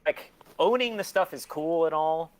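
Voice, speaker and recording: A man with a voice on the high side, speaking at normal speed, appears as an interview guest who is a collector. He's candid, profane, and self-deprecating, telling rambling stories and acting out quotes in casual conversation.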